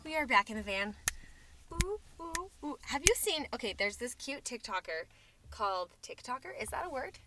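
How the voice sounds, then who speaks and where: A young woman co-hosting a podcast from inside a parked minivan, talking in a chatty, giggly way with quick asides. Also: a little high, sing-song, over music. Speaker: podcast co-host. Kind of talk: casual chat.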